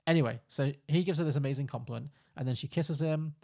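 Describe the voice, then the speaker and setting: Man, podcast co-host, rapid talk, gravelly fry, casual film chat. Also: a little high, darkish tone. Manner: fast, chatty, retelling the plot with quoted lines.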